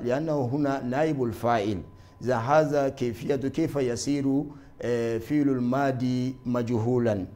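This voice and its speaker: A man from Mali with a Malian French accent teaches a grammar lesson in a warm, medium-pitched voice. He repeats his points, uses many fillers, and switches back and forth between two languages.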